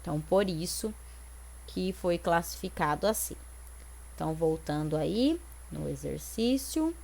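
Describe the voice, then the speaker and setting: A woman's voice: on the low side, expressive, unhurried, vocal fry, a little mellow. Brazilian woman, teacher, online lesson, step-by-step explanations, frequent tag questions. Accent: Brazilian Portuguese. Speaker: Portuguese teacher. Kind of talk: online lesson correcting exercises.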